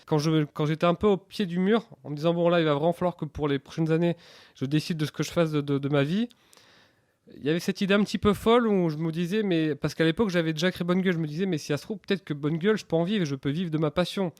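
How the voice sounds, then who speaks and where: A man in his thirties speaks in a fairly high voice with very little room sound. He answers interview questions candidly and earnestly, often hesitating and restarting on a repeated word. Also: fast talker, a little mellow, no echo, clean studio sound. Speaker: interview guest, entrepreneur.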